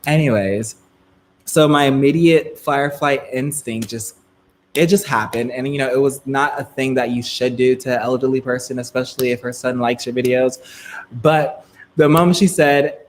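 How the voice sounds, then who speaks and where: A young man in his twenties spins a casual story for his live stream viewers. His voice sits at a middle pitch, with a faint hiss behind it. He is chatty and loose, laughing often and jumping between loud and quiet. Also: steady tone, moderate pace. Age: 20s. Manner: chatty, filler-heavy, frequent laughs, swings between loud and soft.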